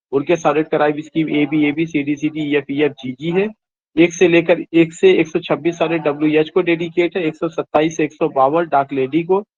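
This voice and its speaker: A man teaching an exam-prep lecture, explaining quiz answers by asking and answering his own questions and reading the English question text slowly. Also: fairly high pitch, darkish tone, no room sound, highs cut off.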